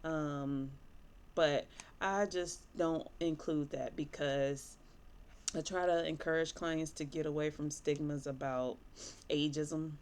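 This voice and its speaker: Her voice is deep and slightly mellow, with fairly even intonation, a slow pace, and a clean tone. She's a Michigan therapist in her thirties, licensed, speaking frankly and chattily to camera with many fillers, her nose stuffy from allergies.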